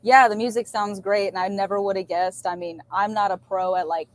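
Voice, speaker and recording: A woman's voice: mid-range voice, fairly even intonation, fairly quick, no room sound. A woman musician being interviewed, talking in a chatty, upbeat way. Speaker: musician guest. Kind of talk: casual chat.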